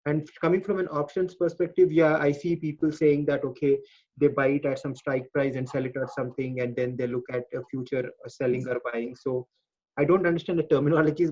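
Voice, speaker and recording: A man's voice: mid-range voice, a little mellow. A man introducing himself on a conference call, candid and hedging as he admits he is new. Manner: candid, hedging, repeats "to be honest". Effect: conference call audio. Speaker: seminar attendee. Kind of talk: casual self-introduction. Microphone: computer mic on an online call. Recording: dull lo-fi call audio.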